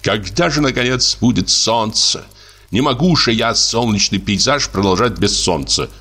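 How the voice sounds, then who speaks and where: Storybook role: exasperated male painter, short-tempered and weary, read by a man, lowish voice. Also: expressive, bright, forceful tone, husky, full character voice. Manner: curt, exasperated, slow through gritted teeth. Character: irritable tormented male painter, curt and weary.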